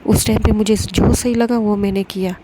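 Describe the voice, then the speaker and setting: A woman voicing Sam, a guarded, brusque young woman who brushes off affection and flares up quickly. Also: medium pitch, fairly even intonation, close to an everyday voice. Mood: defensive. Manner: curt, dismissive, quick to anger. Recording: noisy recording with clicks.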